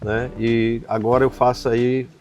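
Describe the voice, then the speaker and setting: An older man from the Paraíba backlands, an author answering interview questions reflectively, often pausing on "né". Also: medium pitch, little pitch movement, a little mellow, muffled recording. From Paraíba sertão, Brazil. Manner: reflective, frequent "né" tags and pauses.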